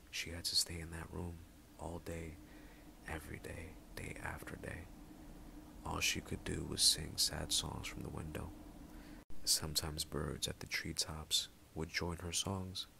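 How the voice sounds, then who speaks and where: Guy reading a bedtime story, soft almost whispery, deep gravelly voice. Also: slight background noise.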